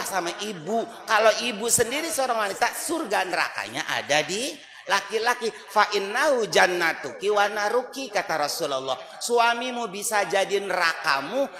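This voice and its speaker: A male preacher delivers a lively, humorous sermon. His voice is high and bright, and it rings through a reverberant hall. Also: moderate pace. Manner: lively, joking, many voices.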